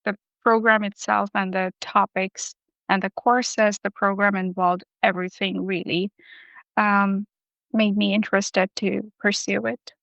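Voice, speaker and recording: Smooth-voiced woman from Bangladesh, unhurried. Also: medium pitch, little pitch movement, fairly bright tone, no echo, rough recording. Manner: thoughtful, with frequent ums and uhs. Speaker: interview guest, biologist. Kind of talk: casual interview.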